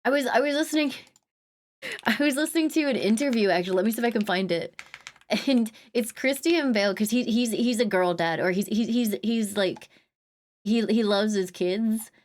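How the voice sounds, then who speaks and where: A woman live streamer chatting casually, humming little filler sounds and greeting viewers with bursts of excitement. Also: fairly high pitch, moderate pace. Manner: chatty, hums and scats little filler sounds between thoughts.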